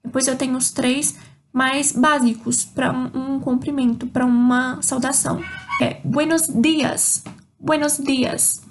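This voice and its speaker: A Brazilian Portuguese-speaking woman teaching a Spanish lesson, slowly pronouncing example words. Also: high voice, fairly even intonation. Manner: slow, drawn-out demonstration of Spanish words. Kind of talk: online language lesson. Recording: faint background noise.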